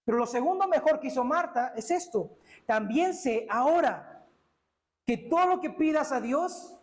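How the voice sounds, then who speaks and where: A male pastor preaching a sermon in a church, impassioned, with sudden drops to a hush. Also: extremely high pitch, lively intonation, normal speed.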